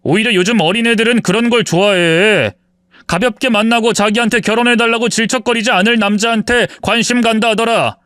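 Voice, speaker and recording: A man's voice: high-pitched, fairly quick, sharp tone, smooth, no room sound, clean studio sound. A man voicing an arrogant husband in his forties who mocks his wife and justifies his cheating. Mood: scornful. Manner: contemptuous, mocking, self-justifying. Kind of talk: dramatized story reading.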